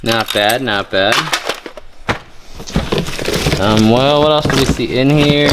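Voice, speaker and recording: A young man casually narrating a vlog as he digs through a storage unit, joking and thinking out loud. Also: medium pitch, slow, heavy background noise. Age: young adult. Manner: chatty, joking, thinking aloud while rummaging. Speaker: storage unit treasure hunter. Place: indoor metal storage unit.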